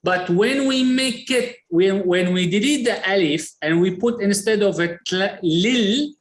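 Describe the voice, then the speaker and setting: A man's voice: high voice, extremely slow, roomy sound. A man teaching an Arabic class over a video call, explaining patiently in English. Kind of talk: online class instruction.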